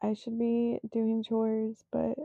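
A woman in her twenties hosts her own casual solo podcast, sleepy and yawning, slow, rambling and self-conscious with frequent fillers. Her voice is fairly high and monotone with vocal fry. The recording is dry and tinny, like a phone, with no echo.

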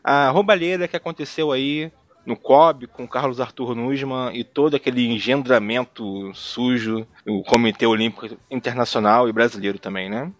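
A man's voice: medium pitch, normal speed. A man with a Brazilian Portuguese accent hosting a casual football podcast, talking in a joking, colloquial way full of tag questions. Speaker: podcast host.

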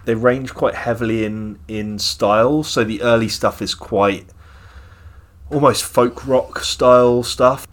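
A man's voice: mid-range voice, steady tone, unhurried. A man co-hosting a podcast, chatting about music in an enthusiastic, opinionated way. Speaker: podcast co-host. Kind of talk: casual music chat.

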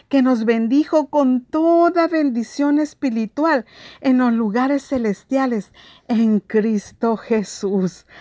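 High-voiced woman preaching slowly. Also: warm tone, no echo, studio quality. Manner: earnest, emphatic preaching with scripture readings. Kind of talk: devotional sermon.

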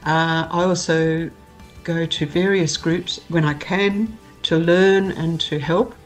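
An Australian woman giving measured, explanatory answers as a volunteer guest in a conversational interview. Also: fairly low pitch, fairly even intonation, soft background music, low-quality recording.

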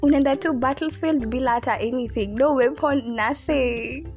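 A woman in her twenties speaks with a Kenyan accent in a slightly high voice. She tells stories casually, like chatting to friends, with an animated and giggly delivery. Soft music plays behind her. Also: normal speed. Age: 20s. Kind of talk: casual storytelling chat mixing English and Swahili.

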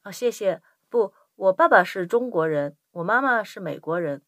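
Woman doing polite young intern lady in a scripted lesson dialogue, mid pitch, dry recording. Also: animated, moderate pace, fairly bright tone, no echo. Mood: polite, welcoming. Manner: polite, courteous. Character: polite young Chinese American woman intern greeting a visitor.

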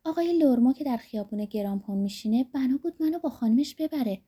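A woman's voice: high voice, expressive, mellow, slightly rough, voice pushed up. A woman voicing a coy, teasing young woman. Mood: flustered.

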